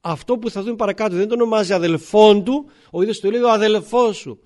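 A male priest delivers a sermon in a fairly high voice. He walks through scripture with rhetorical questions and clears his throat often as he talks. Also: a little mellow.

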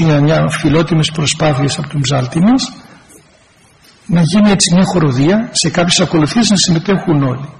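A man's voice: a little high, creaky, long reverb tail, slight background noise, low-quality recording. A man, a parish priest, giving an earnest pastoral talk to his congregation and acting out sample replies.

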